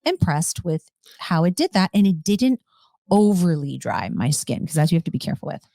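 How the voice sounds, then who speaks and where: A woman's voice: low voice, very animated, fairly quick, creaky, warm tone, no echo, studio quality. A woman hosting a podcast in a casual, upbeat, chatty way, enthusing about products. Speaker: podcast host. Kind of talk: casual chat.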